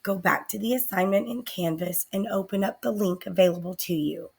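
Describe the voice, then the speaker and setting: A woman teacher giving a recorded spelling lesson, speaking slowly and deliberately and sounding out words. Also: medium pitch, vocal fry, a little mellow, slightly rough.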